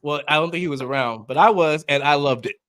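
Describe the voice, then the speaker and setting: Male host, high voice, playful and excitable, big reactions. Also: fast talker, slight background noise. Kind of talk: casual live interview.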